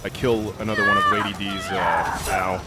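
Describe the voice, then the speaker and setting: A man's voice: low voice, steady tone, normal speed, heavy background noise. A man in his thirties chatting casually while playing a game, rambling and interrupting himself, swearing offhand. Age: 30s. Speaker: let's play host. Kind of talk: casual gameplay chat.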